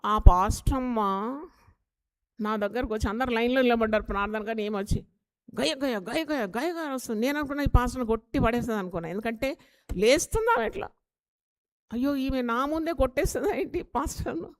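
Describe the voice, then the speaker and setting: Woman pastor, earnest and exhorting sermon delivery, voice a touch high. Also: brisk. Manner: earnest, exhorting, with rhetorical questions.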